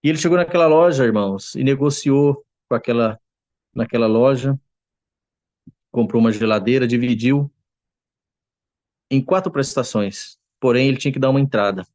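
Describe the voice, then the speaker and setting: A man's voice: mid-range voice, normal speed, pauses often, a little mellow, dry recording. A man giving a testimony to a church congregation, telling an earnest story and often addressing his listeners as brothers. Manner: acts out quoted voices.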